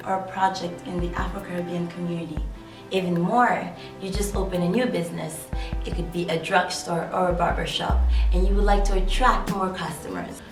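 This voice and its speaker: Female promo announcer, slightly low, reading steadily over music, roomy. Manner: even, read-aloud delivery. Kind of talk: read advertisement. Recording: roomy, distant, music underneath.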